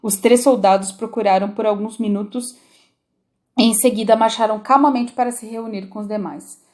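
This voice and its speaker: A woman narrating an audiobook of a children's classic with expressive storytelling. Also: on the high side, normal speed. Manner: expressive storytelling with lively intonation.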